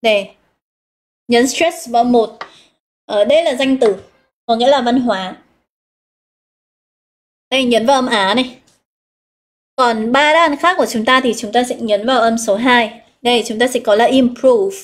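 An English teacher with a Northern Vietnamese accent and a slightly higher-than-average voice runs a live exam review. She goes through each answer step by step, drawing out key words and announcing which options her students picked. She speaks at a normal pace with long pauses.

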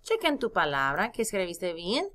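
A woman's voice: lowish voice, big pitch swings, normal speed, a bit bright. A woman teaching a recorded lesson, spelling words out letter by letter, stretching syllables and praising her students between prompts.

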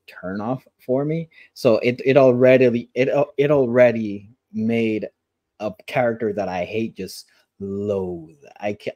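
A man co-hosting a casual anime review chat from home, talking passionately with halting starts and quick bursts. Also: on the low side, a little mellow, no room sound, clean studio sound. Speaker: co-host.

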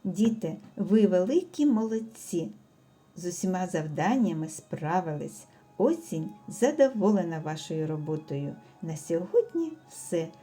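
A woman teaching a speech development lesson for young children, speaking slowly and clearly with careful enunciation. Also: on the low side, sing-song, mellow, soft background music. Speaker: preschool teacher.

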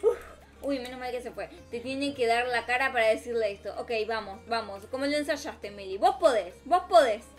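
A woman's voice: on the high side, fairly quick. A woman with an Argentine accent improvising theatrical role-play commentary over gameplay, talking to viewers and herself. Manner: theatrical, melodramatic, talks to viewers and self. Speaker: gaming video host. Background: music.

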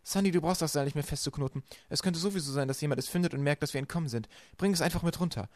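A man reading an audiobook aloud and voicing a clever, practical teenage girl with a lifted, brisk, encouraging voice. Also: on the high side, no room sound, pitched above the performer's own voice, close to an everyday voice. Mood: earnest.

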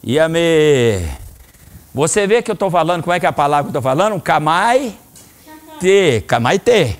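With a slightly high voice at normal speed, a middle-aged Brazilian Portuguese-accented karate instructor runs a children's class in a training hall, lively in calling out commands and explaining techniques.

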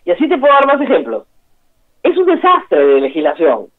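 A woman's voice: mid-range voice, wildly swooping pitch, brisk. A woman from Peru hosting a political talk show, giving emphatic, opinionated commentary and repeating key words for stress. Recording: tinny phone line.

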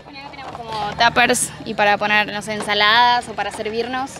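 A woman's voice: fairly high pitch, fairly even intonation, fast talker, music in the background. A young woman with an Argentine accent answering questions about camp gear. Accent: Argentine Spanish. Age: young adult. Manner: brief, agreeable answers. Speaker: interviewee, scout participant. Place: outdoor camp.

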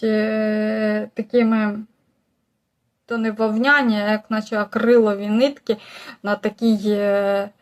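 A woman chatting casually as a cross-stitch vlogger, hesitant, with many fillers and restarts. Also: fairly high pitch. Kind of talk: casual chat.

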